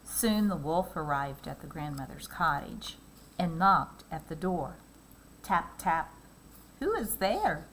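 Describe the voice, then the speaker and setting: A woman teacher reading a fairy tale aloud to her class in a calm, clear, measured way. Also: low-pitched, slight background noise, poor audio. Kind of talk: read-aloud storytelling.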